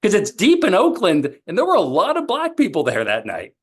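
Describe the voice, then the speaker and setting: A comedian telling a casual podcast story, animated and acting out the lines of people in it. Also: male voice, high-pitched, fairly quick, breathy edge. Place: podcast studio.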